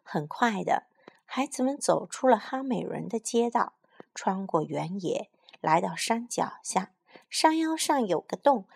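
Slow-paced woman reading a picture book. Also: mid-range voice, vocal fry, slightly rough. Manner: lively asides to young listeners. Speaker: storyteller.

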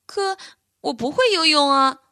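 Woman putting on a tiny reindeer calf, very high, stammering, tearful, storybook voice. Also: expressive, a little slow. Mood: timid. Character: timid crying little male reindeer calf.

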